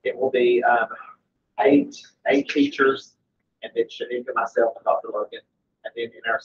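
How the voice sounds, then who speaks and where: A man reports to a board as a school principal, in an upbeat, loose way with plenty of fillers. His voice sits at an ordinary pitch, and the room recording sounds somewhat dull. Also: fairly even intonation, normal speed. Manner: upbeat, informal, many fillers. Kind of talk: status report at a meeting. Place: conference room.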